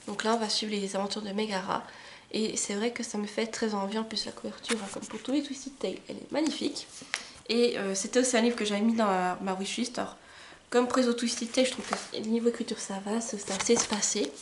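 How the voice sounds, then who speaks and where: A young woman vlogging about her book gifts in a chatty, enthusiastic way, often pausing on "euh" and laughing a little, recorded at home on a camcorder microphone. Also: mid-range voice, steady tone, a little hiss or hum. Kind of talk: casual book haul chat to camera.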